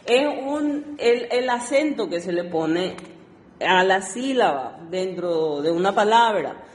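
A woman teaching English to Spanish speakers, explaining exercises and reading each word slowly twice. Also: mid-range voice, lively intonation, echoey room, long reverb tail, slight background noise. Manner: switches between Spanish and English, reads words slowly twice. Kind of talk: recorded lesson explaining exercises.

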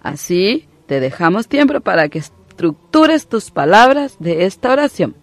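A radio teacher leads a slow, patient phonics lesson for children, spelling out letters and syllables and repeating them. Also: mid-range voice, sing-song, dry recording, faint music behind.

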